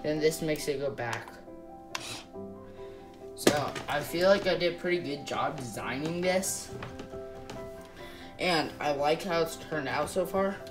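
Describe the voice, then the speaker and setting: A woman's voice: low voice, measured pace, long pauses. A woman chatting casually through a Lego build vlog, rambling and hesitant with lots of fillers. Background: guitar music.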